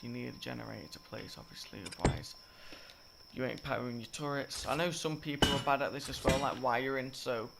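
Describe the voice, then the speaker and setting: This male gaming tutorial creator rambles through casual gameplay commentary in a croaky, sick-sounding, somewhat gravelly voice of medium pitch. He keeps correcting himself and leans on fillers, while loud game sound effects and clicks play behind him.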